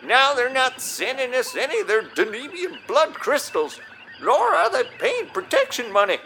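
A man playing a gruff, blustering old commodore who sounds like a grubby prospector, barking folksy orders in a comedy audio sketch. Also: extremely high pitch, sing-song, moderate pace, bright, forceful tone, a little hiss or hum, full character voice. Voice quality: gravelly, twangy old-timer bark.

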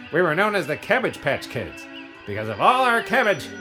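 A man's voice: high-pitched, sing-song, normal speed, music in the background. A man playing a pompous, wealthy starship captain who chuckles at his own jokes in a comedy audio sketch. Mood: smug. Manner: smug, chuckling, self-amused.

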